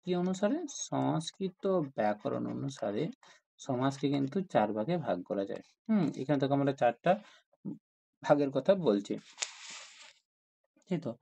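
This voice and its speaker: A man's voice: mid-range voice, lively intonation, moderate pace, vocal fry, long pauses, dark tone. A man teaching a grammar lesson to school students, explaining step by step and often asking questions like "isn't it?".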